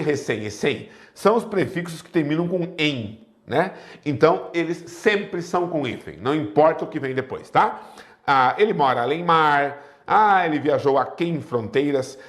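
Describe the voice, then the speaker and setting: A man with a Brazilian Portuguese accent teaching a lively exam-prep grammar lesson, often asking rhetorical questions. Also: on the high side.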